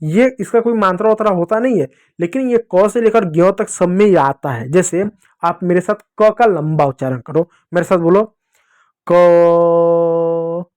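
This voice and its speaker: A man's voice: sits high, normal speed, a little mellow. A man teaching a beginners' reading lesson to young children, friendly and playful, explaining with everyday examples and lots of repetition.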